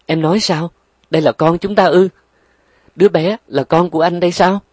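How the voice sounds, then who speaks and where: A panicked young man cries out in alarm, as a male narrator acts him. He is pitched well above a plain voice and pushes hard. The sound is dry and close. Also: lively intonation, brisk, slightly rough, no room sound. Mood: shocked. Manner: alarmed, loud and urgent. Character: young man, frantic lover and new father.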